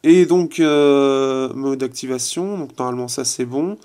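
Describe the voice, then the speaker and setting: A man's voice: medium pitch, a little slow, warm tone. A man giving a casual phone review in his apartment, chatty and full of fillers, trailing off as he tests features. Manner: chatty, many fillers, trails off while testing. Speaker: tech reviewer. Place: his apartment, resonant room.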